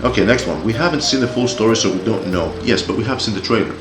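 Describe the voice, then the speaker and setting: Speaking fast in a fairly low pitch, a man in his forties with a Greek-Australian accent rants as an opinion commentator, swearing and stumbling over repeats when angered. Born in Greece and raised in Australia, he's heard in an echoey room over background music.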